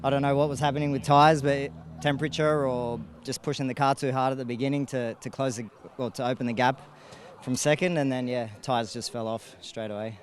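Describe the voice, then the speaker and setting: Man, race driver, halting and tired, outdoor interview, loud background noise. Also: medium pitch, fairly even intonation. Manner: halting, tired answers with fillers.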